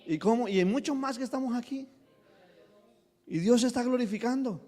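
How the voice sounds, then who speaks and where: High-voiced man preaching a sermon. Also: long reverb tail. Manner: preaching with sudden bursts of loud emphasis and quick acted asides. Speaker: pastor. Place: church hall.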